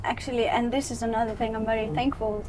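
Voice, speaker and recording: A woman speaks eagerly as a guest in a casual interview. She is recorded on a moving tram, with a loud rumble running underneath. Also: fast. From Iceland. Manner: eager and animated when recalling memories, many affirming yeahs.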